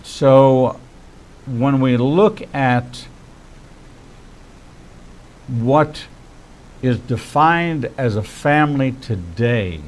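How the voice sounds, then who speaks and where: A man in his sixties hosting a faith-based interview, speaking in measured, preacherly phrases. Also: mid-range voice, a little mellow, slight background noise, rough recording. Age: 60s.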